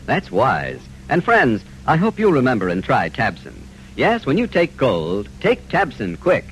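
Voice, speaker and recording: A man's voice: mid-range voice, wildly swooping pitch, unhurried, a bit bright, a little hiss or hum, poor audio. A man announcing in the chipper, emphatic manner of a 1950s radio advertisement. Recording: old radio broadcast with music.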